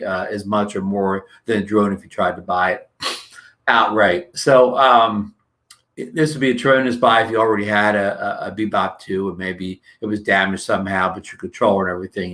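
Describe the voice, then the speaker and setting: A man's voice: fairly low pitch, steady tone, a little fast, a bit bright. A man from New Jersey hosting a casual livestream, rambling with many fillers and restarts and greeting viewers, his throat dry. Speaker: livestream host.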